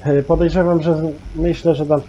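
A man's voice: fairly high pitch, little pitch movement, moderate pace, warm tone, dull audio, a little hiss or hum. Rambling man chatting over a farming game. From Poland. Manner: rambling, peppers speech with mild swearing fillers. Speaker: gaming YouTuber. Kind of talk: casual farming-sim commentary.

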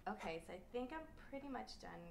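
A woman's voice: a little high, lively intonation, quick pace, creaky, heavy background noise. A woman hosting a casual cooking chat in an indoor kitchen. She laughs often and asks her guest lots of questions. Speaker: host.

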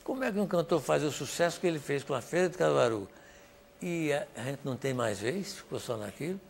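With a slightly high voice that runs a little fast and carries vocal fry, an older Northeastern Brazilian man, a songwriter, shares stories as testimony amid slight background noise. He's animated, voicing the characters' dialogue and breaking into bits of song.

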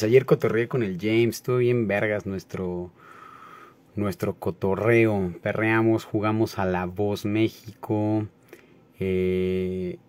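A man with a Mexico City accent chatting casually on a late-night livestream, greeting viewers by name in relaxed, slangy talk. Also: on the low side. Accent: Mexico City Spanish. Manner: laid-back, slangy, greets viewers by name, laughs often.

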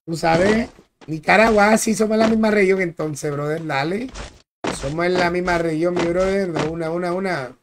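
A man's voice: high-pitched, moderate pace. A man streaming a game, chatting casually and greeting his viewers by name in a friendly, slangy way. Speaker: gaming streamer. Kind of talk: casual live-stream chat while gaming. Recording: clear background noise with clicks.

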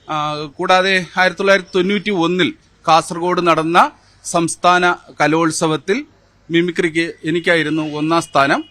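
A man in his fifties, a former mimicry champion, answering interview questions in a measured, hesitant way with many fillers. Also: a little high, bright, forceful tone, no echo. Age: 50s. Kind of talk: interview answers with poem recitation.

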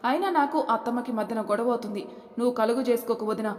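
A young daughter-in-law who stands her ground with firm, pointed words, as a woman narrator puts her on. She speaks quickly in a slightly high voice. The room rings with a long echo. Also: darkish tone, natural voice. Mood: defiant. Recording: echoey reverberant room.

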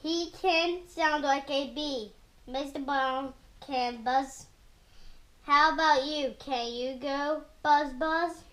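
A woman's voice: high voice, fairly even intonation, takes it slowly, sharp tone. A woman hosting a children's book read-aloud, reading carefully and imitating the sounds in the story. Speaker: host reading a picture book.

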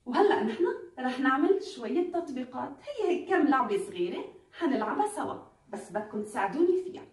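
A woman teacher with a Levantine Arabic accent gives a recorded lesson to young children, her voice high and bouncing with lively, sing-song swings in pitch. She stretches each letter sound slowly and showers the pupils with encouragement. She sits back from the mic in an echoey room. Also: distant mic. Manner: slow, drawn-out enunciation of letter sounds.

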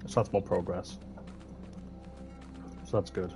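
A young gaming streamer who is slightly ill commentates a horror game on a headset at his desk in an indoor room. His deep voice is slow with fairly even intonation, and music plays in the background. He reads the in-game notes aloud, muttering asides.

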